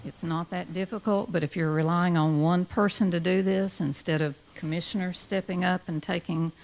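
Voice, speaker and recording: A woman's voice: lowish voice, steady tone, normal speed, a little mellow, low-quality recording. A woman giving a public comment in a blunt, insistent manner. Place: indoor public meeting room.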